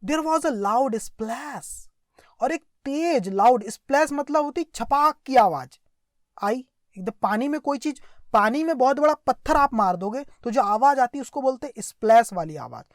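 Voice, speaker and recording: Speaking in a high-pitched, animated voice with an Indian accent, an English teacher breaks a story down line by line, with translation, word explanations, repetition, check questions, and slowly read-out sentences. The sound is clean studio audio with no room sound.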